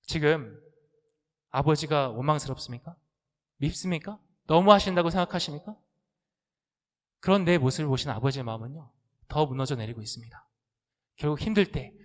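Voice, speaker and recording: A male pastor delivers a sermon in a high voice, carried by the long reverb of a church sanctuary. He puts questions straight to the congregation and slips into pleading, aggrieved prayers to make his point. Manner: acts out complaining prayers with rising, pleading intensity; asks the congregation direct questions.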